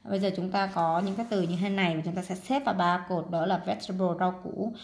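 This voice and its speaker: A woman English teacher with a Vietnamese accent, working through a workbook exercise and talking as she writes, with pauses and fillers. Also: lowish voice, fairly even intonation. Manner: talks while writing, with pauses and fillers. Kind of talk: casual workbook walkthrough.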